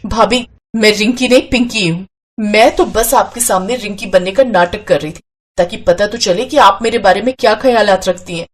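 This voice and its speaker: A woman voicing a hot-tempered young woman in a storybook, shrill and scolding. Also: slight background noise, close to an everyday voice. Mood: defiant. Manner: shrill, scolding, fast when angry. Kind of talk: storybook character voice.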